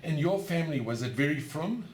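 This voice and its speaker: A man conducting an oral history interview in his interviewee's home, asking short, gentle follow-up questions. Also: on the high side, expressive, brisk, slight background noise. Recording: roomy echo in a home.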